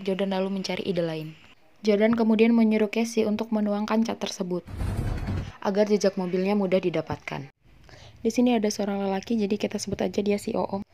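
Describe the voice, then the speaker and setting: A woman's voice: mid-range voice, mellow. Chatty woman recapping a film. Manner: chatty, slangy, joking asides. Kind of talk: casual film recap narration.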